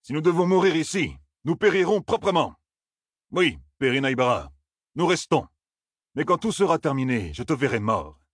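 A man voicing a bitter, vengeful male knight officer with a hoarse voice. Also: a little high, sing-song, normal speed, dry recording, studio quality, voice pushed up. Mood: grim.

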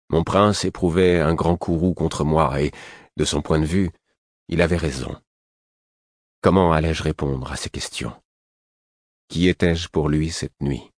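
A man with a very low voice narrates a novel in a steady, composed way. The reading is close-miked and completely dry, like a studio audiobook. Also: dry recording. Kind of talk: scripted narration.

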